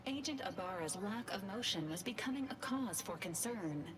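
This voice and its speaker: A woman voicing a polite female robot medic companion in a video game. She speaks with formal, clipped machine phrasing and a calm, clinical manner. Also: mid-range voice, normal speed, lightly acted. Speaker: game character.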